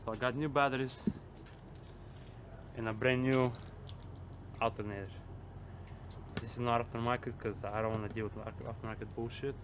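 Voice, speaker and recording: A man's voice: mid-range voice, fairly even intonation, moderate pace, pauses often. A man giving a casual trucker vlog, his speech slightly impeded by wearing braces. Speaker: trucker vlogger. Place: truck at a dealer lot. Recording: clear background noise, truck and vehicle ambience.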